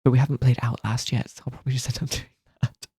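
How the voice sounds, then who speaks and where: Husky, half-whispering male streamer. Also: mid-range voice, little pitch movement, fast talker, no room sound, clean studio sound. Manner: half-whispered, soft-spoken, rambling with restarts. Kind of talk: casual live-stream chat while carving a pumpkin.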